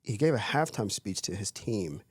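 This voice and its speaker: A man's voice: lowish voice, sing-song, normal speed, husky, no room sound, clean studio sound. A man hosting a podcast in a playful, joking, upbeat manner. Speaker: podcast host. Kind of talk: casual podcast talk.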